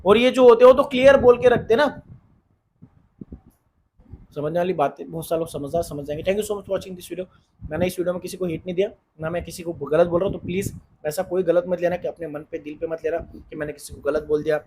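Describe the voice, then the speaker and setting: A man talks fast and keeps going, giving relationship advice in an earnest, insistent way. He circles back over the same points again and again. His voice sits high, and there is a faint hiss of noise behind him. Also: darkish tone. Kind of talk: casual advice monologue.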